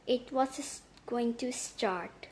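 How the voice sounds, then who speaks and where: A woman hosts a step-by-step tutorial in a high voice. She goes slowly, with halting phrasing that often repeats itself as she explains each step. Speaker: tutorial host. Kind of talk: step-by-step app tutorial narration.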